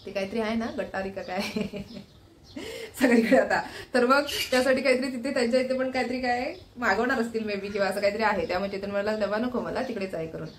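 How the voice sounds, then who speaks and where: A woman's voice: mid-range voice, a little fast, slight background noise. A woman from Maharashtra chatting casually in a home vlog, keeps pointing things out to viewers. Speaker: vlogger.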